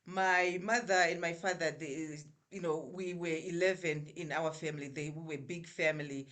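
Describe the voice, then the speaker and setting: A woman's voice: lowish voice, steady tone, moderate pace, fairly bright tone. Zimbabwean lady talking on a call, rambly with lots of uhs. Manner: chatty, with many fillers and restarts. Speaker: guest. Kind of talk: casual interview.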